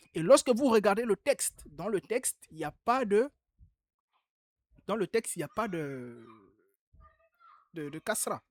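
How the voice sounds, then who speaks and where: A man's voice: high voice, no room sound, studio quality. Patient man correcting homework aloud. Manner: patient, repeats key points emphatically. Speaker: Arabic teacher. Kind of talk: online class, correcting homework.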